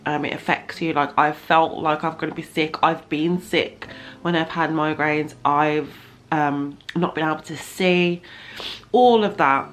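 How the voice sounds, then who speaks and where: A woman's voice: low voice, fairly bright tone. A young woman talking candidly to camera in a casual vlog, emotional and chatty. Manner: chatty, emotional and candid, close to tears at times. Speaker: vlogger.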